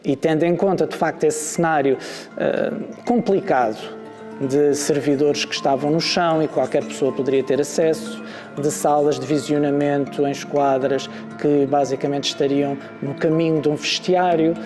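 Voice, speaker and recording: A man's voice: on the high side, steady tone, normal speed. A man with a European Portuguese accent explaining points as an expert in an interview. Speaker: legal commentator. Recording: long reverb, faint music behind.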